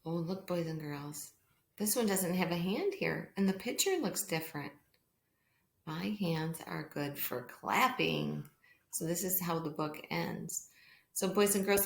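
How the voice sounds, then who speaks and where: A woman's voice: fairly low pitch, gravelly. A woman speaking as a kindergarten teacher, talking simply to small children as if reading aloud to them in a read-along lesson. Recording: roomy echo.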